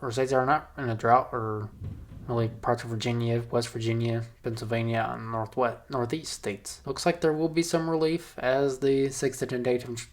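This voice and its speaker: A man's voice: mid-range voice, fairly even intonation, normal speed. A man hosting a casual weather forecast vlog, talking in a rambling, folksy way with joking asides.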